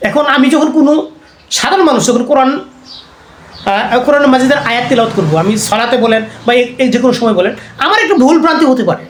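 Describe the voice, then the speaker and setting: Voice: high voice, animated, quick pace, reverberant, slight background noise. An Islamic preacher giving a conversational religious lecture, often putting rhetorical questions to the listeners.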